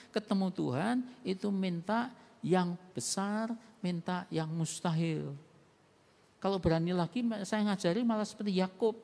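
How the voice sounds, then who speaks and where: A man preaching a sermon as pastor, animated and acting out voices, with sharp swings in loudness. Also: high-pitched, vocal fry. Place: church sanctuary. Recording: long church hall reverb.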